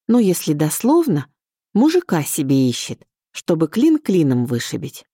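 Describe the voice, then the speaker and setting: A woman reading an audiobook, voicing a stubborn, teasing young woman who is quick to argue. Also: low voice, wildly swooping pitch, dark tone, breathy edge, no room sound, clean studio sound, exaggerated voice. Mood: playful. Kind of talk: audiobook character voice.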